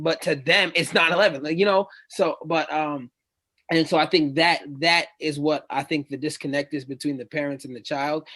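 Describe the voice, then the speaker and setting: A man's voice: a little high, fairly bright tone. A young man on a discussion panel, talking casually and filling his speech with "like" over and over. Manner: casual, fills with "like" constantly.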